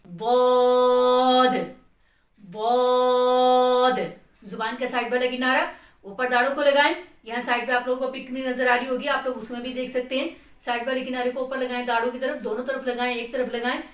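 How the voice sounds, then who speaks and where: This woman speaks fast in a high, fairly bright voice with little pitch movement, recorded in a roomy space far from the mic. With a Pakistani Urdu accent, she teaches tajweed, patiently showing where a letter is sounded through long chanted demonstrations and frequent checks of "theek hai."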